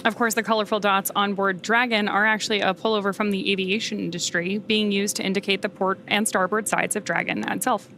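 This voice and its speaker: A woman's voice: mid-range voice, fairly even intonation, a little fast, few pauses, pushed and bright, a little hiss or hum. A woman giving live space mission commentary in polished, formal, descriptive phrasing.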